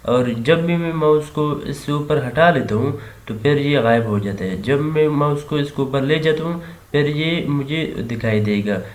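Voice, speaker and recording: A man's voice: on the high side, moderate pace. Urdu-accented man teaching code, echoey room. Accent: Pakistani Urdu. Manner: repeats "theek hai na" as a tag, steady explaining. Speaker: programming tutor. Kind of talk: screen-recorded coding lesson. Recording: echoey room with faint hiss. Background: keyboard typing and mouse clicks.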